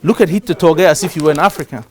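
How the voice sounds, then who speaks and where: A middle-aged man from Cameroon giving a live talk to a conference audience. He gets louder to stress his points, then drops down again. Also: fairly high pitch, rapid-fire. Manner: animated, shifts loudness for emphasis. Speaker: conference speaker. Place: conference stage before an audience.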